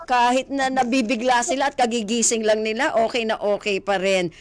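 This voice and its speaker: A woman's voice: fairly high pitch, fairly even intonation, fairly quick. Woman radio host, casual and playful, chats and teases her guest, studio mic. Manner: chatty and playful, laughs often. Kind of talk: casual radio interview chat.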